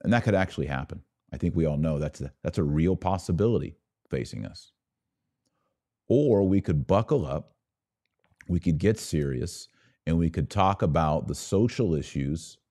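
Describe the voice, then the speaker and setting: A man with a bass voice and a dark tone hosts a religious podcast. He exhorts his listeners earnestly and repeats himself on purpose, much like a preacher speaking to a congregation.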